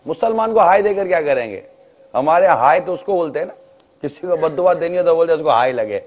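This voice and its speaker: Higher-voiced man preaching in a mosque. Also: lively intonation. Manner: asks the congregation rhetorical questions. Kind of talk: religious talk in a mosque. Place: mosque hall. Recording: dull, lo-fi recording.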